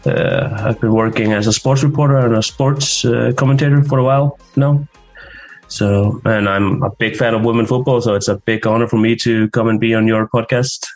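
A man's voice: medium pitch, fairly even intonation, normal speed, faint music behind, rough recording. A man from Iceland, a sports commentator, chatting frankly and a bit hesitantly as a podcast guest. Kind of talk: casual podcast chat.

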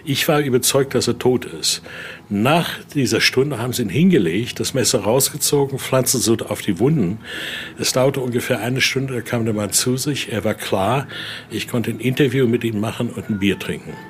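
At a moderate pace and medium pitch, a man gives an informal guided tour of an indoor exhibition room. A museum guide and voodoo expert, he explains things and often adds small tag questions, and the recording has faint background noise on location.

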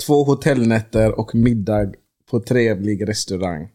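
A man's voice: on the low side, dark tone. A young man in easygoing banter, putting dry, half-serious questions to his co-host. He speaks plainly and leaves most of the jokes to his friend. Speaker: podcast co-host. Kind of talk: casual banter between friends.

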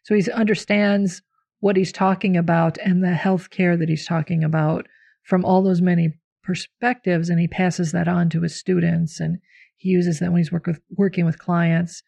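A woman hosts an herbalism podcast, talking informally about plants and teachers in a warm, explanatory way full of fillers. Her voice is lowish with vocal fry, little pitch movement and a normal pace, suiting the casual chat.

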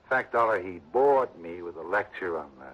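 In a 1960s radio drama heard through a dull, lo-fi old broadcast, an actor plays a lazy, blunt man who inherits from a dead relative. His voice sits low and is expressive and fairly quick, with a defensive drawl.

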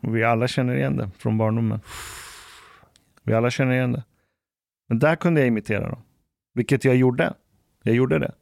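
Gravelly, reflective man chatting. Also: mid-range voice, fairly even intonation, a little mellow, no room sound, studio quality. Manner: slow, reflective storytelling. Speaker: podcast co-host. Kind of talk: casual chat.

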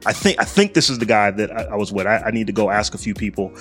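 A man's voice: lowish voice, fast, fairly bright tone, soft background music. A middle-aged man hosting a casual podcast. He reads a spotlight segment from his notes and breaks off into slangy, joking asides. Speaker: podcast host.

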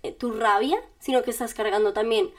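A podcast host with a slightly high, steady voice talks a little fast. She walks the listener through self-help steps in a casual, chatty, informal manner, sprinkling in little laughs.

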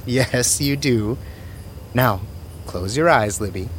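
An actor playing an eager, affectionate grown son, a little flustered. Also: male voice, mid-range voice, slow pace, a bit bright, slight background noise. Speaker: son and husband.

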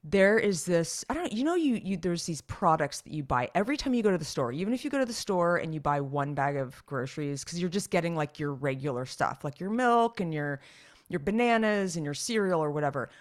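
A woman co-hosting a casual comedy podcast, chatting in an animated way, laughing often and restarting her sentences. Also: lowish voice, a little fast. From California. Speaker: podcast co-host.

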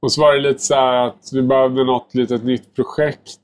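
Laid-back male baker chatting. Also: medium pitch. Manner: relaxed, rambling, heavy filler words and mild swearing. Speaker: guest, baker and pastry chef. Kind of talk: casual podcast chat.

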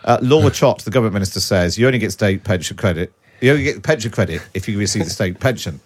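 A man hosting a political radio podcast in a brisk, jokey, chatty way. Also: on the low side, animated. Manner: brisk, jokey, laughs often. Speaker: radio presenter.

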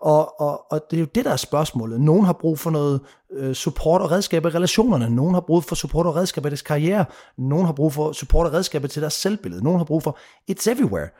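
A man in his thirties speaks with real passion in a relaxed podcast conversation. His voice sits somewhat high for a man, and he pushes his points hard, swears freely and slips into English phrases. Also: few pauses. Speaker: mentor and guest.

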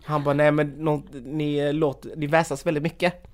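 A woman's voice: low-pitched, level tone. A woman in her twenties chatting casually as a podcast co-host, telling stories with lots of fillers and laughs. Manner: chatty storyteller, laughs often, many fillers. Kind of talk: casual chat.

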